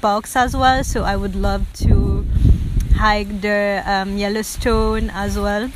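Young woman guest, halting casual talk, clear traffic noise behind. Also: medium pitch, little pitch movement. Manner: hesitant, many fillers and pauses. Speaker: podcast guest. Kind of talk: casual interview chat.

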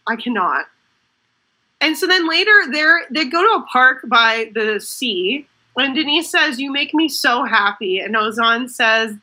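Woman, casual recap chat, gushing, bright tone, a bit high. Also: rough recording. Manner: gushing, fast retelling with quoted lines. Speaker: show recap co-host.

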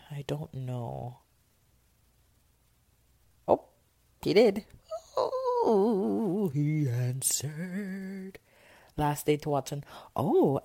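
A woman's voice: very deep voice, mellow, no echo. A young woman, rambling through a casual podcast vent with loose, candid chatter and lots of fillers, recorded on phone earphones at home. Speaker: podcast host. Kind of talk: casual venting monologue. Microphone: earphone mic into a phone voice memo.

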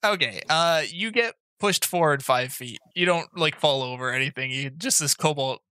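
Woman GM, loose chatty narration, frequent laughs, bright tone. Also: deep voice, moderate pace, no echo, clean studio sound. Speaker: game master. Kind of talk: narrating a tabletop game.

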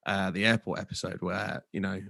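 Low-voiced sweary man telling stories. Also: little pitch movement, a little fast, vocal fry, sharp tone, no echo, studio quality. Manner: sweary, laughing, storytelling. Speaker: podcast co-host, tour manager. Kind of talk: casual chat.

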